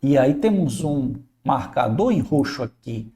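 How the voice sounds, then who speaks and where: A man's voice: mid-range voice, sing-song, measured pace, mellow. A man with a Brazilian Portuguese accent teaching an exam-prep lesson, talking conversationally and pointing out examples on screen. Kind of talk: recorded online lesson.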